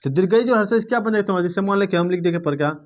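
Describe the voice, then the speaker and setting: A young man teaches a blackboard grammar lesson. His voice sits fairly high, and he talks to the students informally, pausing often to check that they have understood. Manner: informal, addresses students directly with quick check-ins.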